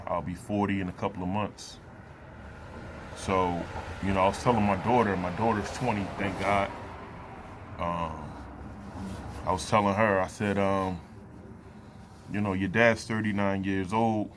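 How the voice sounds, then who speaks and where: Deep-voiced man in his late thirties, halting. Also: noisy background. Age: 30s. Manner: loose, halting, with many fillers and pauses. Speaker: vlogger. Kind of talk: reflective personal talk to camera.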